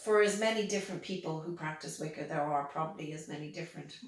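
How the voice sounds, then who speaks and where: A woman with an Irish accent giving reflective interview answers in a deliberate, measured, emphatic way. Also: low voice. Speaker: interviewee, pagan priestess. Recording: very echoey room, distant mic.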